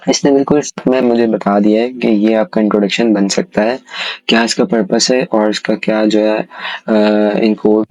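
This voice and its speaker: A man's voice: fairly low pitch, fairly even intonation, normal speed, darkish tone, dry recording, muffled recording. A man hosting a casual screen-recorded tutorial, talking viewers through each step and often checking in with them. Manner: conversational, repeats "sahi hai" as a filler, addresses viewers as "bhai". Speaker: tutorial host.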